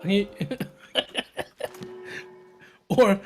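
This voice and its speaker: A woman's voice: medium pitch, steady tone, extremely slow, soft background music. A woman with a Danish accent chatting casually on a game stream over a voice call. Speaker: moderator and friend of the streamer.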